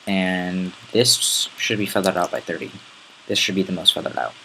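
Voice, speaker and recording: Low-voiced raspy man teaching software. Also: steady tone, moderate pace, a little hiss or hum, low-quality recording. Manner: casual, rambling step-by-step instructions. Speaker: tutorial host. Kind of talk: screen-recorded software tutorial.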